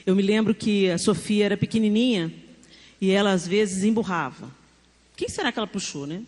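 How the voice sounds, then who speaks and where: A middle-aged woman with a Brazilian accent preaching a sermon, telling family stories with animated acted-out dialogue. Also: medium pitch, brisk. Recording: long hall reverb, faint background noise.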